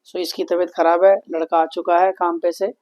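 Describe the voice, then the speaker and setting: A man's voice: high voice, flat delivery, a little fast, a little mellow. A man in his thirties, a father talking casually to the camera in a family vlog, complaining with indignation. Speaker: vlogger, father.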